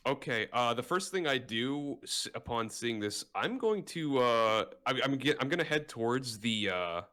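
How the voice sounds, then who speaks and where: A man's voice: mid-range voice, lively intonation, normal speed, bright, forceful tone. A young man playing a tabletop game, casual and playful. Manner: playful, loose. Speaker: player.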